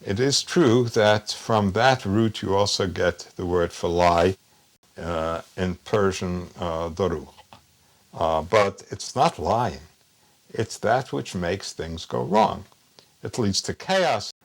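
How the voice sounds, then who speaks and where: A man interviewed as a professor, explaining in a halting way with many fillers. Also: sits low.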